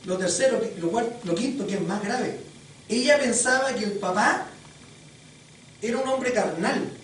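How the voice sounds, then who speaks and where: A preacher delivers a sermon in a church hall, telling stories with animated energy. The preacher keeps asking the congregation questions. The sound is distant and drenched in heavy hall echo, with a faint hiss behind it. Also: medium pitch, unhurried. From Chile. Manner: animated storytelling, quizzing the congregation. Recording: very echoey hall, distant mic, faint noise.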